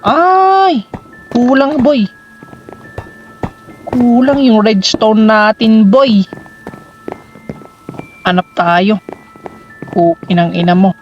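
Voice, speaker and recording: A woman's voice: mid-range voice, steady tone, drawn-out words, pauses often. A young Filipino woman playing a horror game as a let's play, swearing a lot, yelping at scares and mixing Tagalog with English. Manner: jumpy, swears a lot, yelps and shrieks at scares; mixes Tagalog with English, calls viewers "boy". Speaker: gaming YouTuber. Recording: slightly dull lo-fi sound, faint game music.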